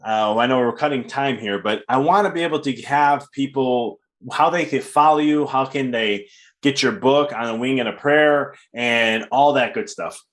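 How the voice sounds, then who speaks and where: A man hosting a podcast, talking in a calm, upbeat, casual way with loose fillers. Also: mid-range voice, normal speed. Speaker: podcast host and coach. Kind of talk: casual interview chat.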